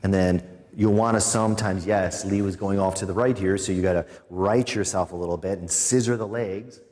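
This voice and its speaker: A man guiding a live yoga class, giving calm cues broken up by chatty, joking asides to his students. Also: deep voice, moderate pace. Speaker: yoga instructor. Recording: long reverb in a studio room.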